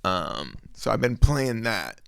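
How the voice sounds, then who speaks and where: A man's voice: fairly low pitch, sing-song, slow pace, vocal fry, a bit bright, clear, resonant tone, no echo, clean studio sound. A man hosting his own podcast in a rambling, laid-back chat full of fillers. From American South. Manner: rambling, laid-back, many fillers, laughs and sings snippets. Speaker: podcast host. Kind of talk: casual solo podcast chat.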